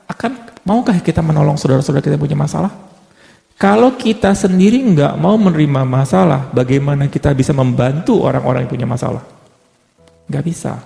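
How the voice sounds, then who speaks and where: A man's voice: on the high side, creaky, mellow, in a large hall. A man preaching a sermon in a casual conversational way, now and then dropping English phrases into his talk.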